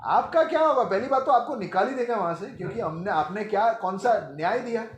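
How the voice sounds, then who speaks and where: A man's voice: high-pitched, animated, a little fast, reverberant, faint music behind. A man in his forties preaching a sermon. He asks rhetorical questions, speaks straight to one listener and acts out people's pleas. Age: 40s.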